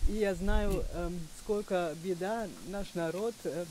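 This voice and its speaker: A woman's voice: mid-range voice, steady tone, takes it slowly, warm tone, rough recording. A middle-aged German woman with a German accent speaks hesitantly in a non-native language, searching for words, at an outdoor gathering. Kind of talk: halting, unscripted speech at a memorial gathering. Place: outdoors in a park by memorial stones. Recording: clear outdoor background noise.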